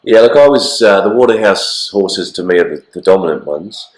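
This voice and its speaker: A lowish-voiced Australian man with a croaky, froggy hoarseness from the flu. He co-hosts a racing show in casual, blokey chat, halting and doubling back on phrases. The sound is roomy and echoey. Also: lively intonation. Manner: blokey, halting, repeats himself. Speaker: co-host of horse racing show.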